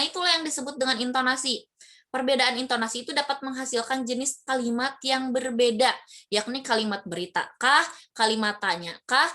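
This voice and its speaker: A woman's voice: a little high, bright, forceful tone. A woman teacher giving an online lesson to her class, explaining patiently with many fillers and rhetorical questions.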